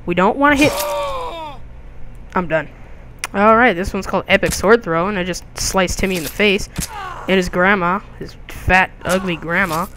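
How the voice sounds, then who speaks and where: A young man hosting a gaming video, giving jokey, excitable commentary with crude outbursts as he plays. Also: high voice, moderate pace, long pauses, slight background noise. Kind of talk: gameplay commentary.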